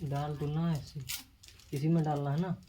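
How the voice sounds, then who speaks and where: A man's voice: fairly high pitch, little pitch movement, unhurried, background noise. A man vlogging at home while his sisters cook, chatty and teasing as he gives orders. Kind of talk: casual vlog narration.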